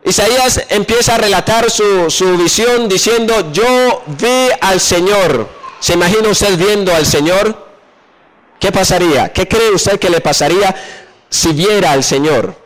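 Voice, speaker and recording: A man preaching a sermon, often pausing mid-verse to ask his listeners what comes next and slowing down to drop low on key phrases. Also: rough recording. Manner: asks the congregation questions and pauses for answers.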